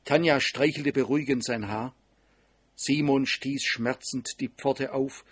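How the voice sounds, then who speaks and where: A man narrates a story in a steady, even manner at a middle pitch. His voice is husky. The recording is dry and close, with no room sound. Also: measured pace, no echo. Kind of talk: audiobook narration.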